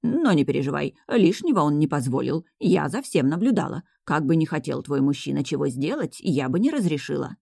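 A woman's voice: low-pitched, big pitch swings, a little fast, gravelly, few pauses, mellow, slightly rough, no echo, full character voice. A woman voicing a wise, teasing female owl familiar who speaks in a dry, ironic, knowing way. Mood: matter-of-fact.

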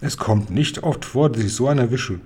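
Storybook giant done by a male reader: old, kindly, excitable, garbled speech, mellow tone. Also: mid-range voice, a little fast, slightly rough, close to an everyday voice. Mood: excited. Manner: excited, garbled word choices.

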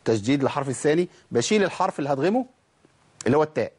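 Egyptian man, recitation lesson, raspy voice, rapid speech, answers his own questions. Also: fairly high pitch, very animated. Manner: asks questions and answers them himself; demonstrates letter sounds by repeating words. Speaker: Quran recitation teacher.

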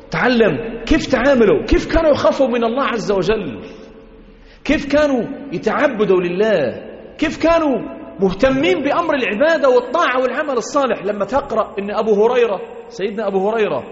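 A man preaching a sermon, earnest and exhorting, often asking his listeners rhetorical questions. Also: high-pitched. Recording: echoey hall, dull lo-fi sound.

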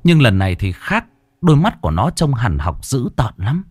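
Husky man reading a ghost story. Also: mid-range voice, moderate pace, no echo, studio quality. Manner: dramatic, expressive first-person reading. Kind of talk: scripted ghost story narration.

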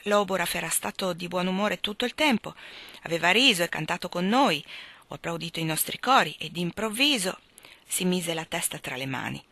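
A woman reading a novel aloud in a measured, expressive storytelling manner. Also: lowish voice, dry recording. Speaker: audiobook reader.

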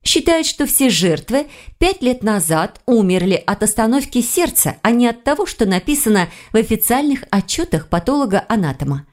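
For an audiobook character, a curious young woman, the reader lifts her pitch a bit and adds more animation than her narration has. She speaks at normal speed with few pauses.

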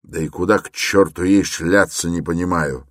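A man voicing a gruff grumbling man. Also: low voice, normal speed, no echo, studio quality. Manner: grumbling, irritable. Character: gruff impatient middle-aged man.

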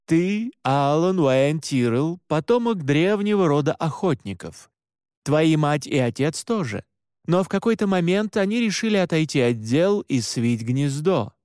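A man's voice: on the high side, sing-song, a little mellow, smooth, dry recording, studio quality. Sneering vampire man, voiced by a male reader. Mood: mocking. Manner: slow, drawling and sneering. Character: menacing male vampire, mocking and unhurried. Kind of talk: audiobook character voice.

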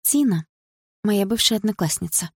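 A woman reading an audiobook, voicing a sharp-tongued but vulnerable teenage girl in a raised, higher voice. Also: lively intonation, moderate pace, husky, dry recording, studio quality. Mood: hurt. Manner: raised higher voice, snappish retorts.

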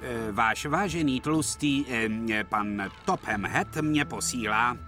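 Guy doing a sneery bully diesel engine, snappy and gruff, cartoon dub w music. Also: mid-range voice, bright, forceful tone, close to an everyday voice. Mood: sneering. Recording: broadcast dub with music behind.

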